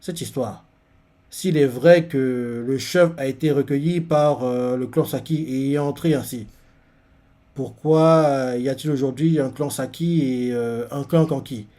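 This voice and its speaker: Calm female clan chief, voiced by a man, measured, explanatory, plain reading voice. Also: medium pitch, close to an everyday voice.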